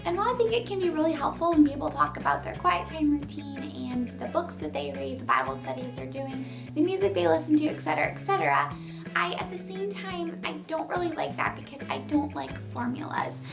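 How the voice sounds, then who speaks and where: A woman's voice: high-pitched, big pitch swings, brisk, creaky, over music. A young woman chatting casually in a morning vlog, her voice still groggy from sleep, laughing lightly between thoughts. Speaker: vlogger.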